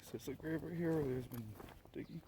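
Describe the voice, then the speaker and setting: A man's voice: on the high side, steady tone, fairly quick. A man giving casual off-the-cuff vlog commentary in fragments as he explores outdoors. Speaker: vlogger exploring a graveyard. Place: outdoors in a graveyard at night. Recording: noisy handheld outdoor recording, clicks.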